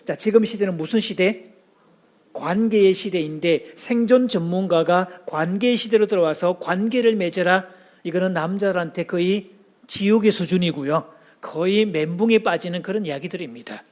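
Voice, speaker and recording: A man's voice: high voice, a little mellow. A male pastor giving a sermon, asking the congregation questions and leading them in call-and-response.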